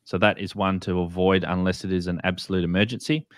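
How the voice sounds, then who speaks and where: An Australian man with a low-pitched voice hosts a casual explainer with screen share. He speaks in a level tone but haltingly, repeating words as he goes, and the recording is close and dry with very little room sound.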